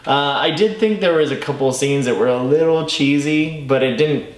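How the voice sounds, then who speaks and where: A man's voice: on the high side, moderate pace. A man co-hosting a casual movie review, speaking informally and approvingly in mild language. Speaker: co-host of a movie review show. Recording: roomy, echoey room.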